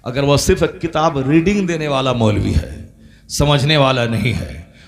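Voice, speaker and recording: Gravelly preacher man building to fervor. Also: medium pitch, measured pace. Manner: rising to impassioned repeated refrains. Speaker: Islamic preacher. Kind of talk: sermon.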